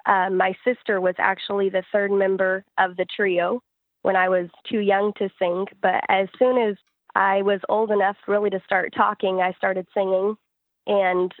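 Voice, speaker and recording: On phone-quality audio with no echo, a woman who writes and sings gospel music talks through an interview at normal speed. Her medium-pitched voice stays level as she answers in an easygoing way.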